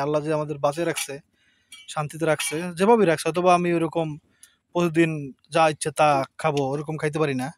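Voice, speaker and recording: A man chatting quickly to camera in a village garden, often giving thanks to God as he shows his crops. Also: fairly high pitch. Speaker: village life vlogger. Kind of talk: casual vlog chat to camera.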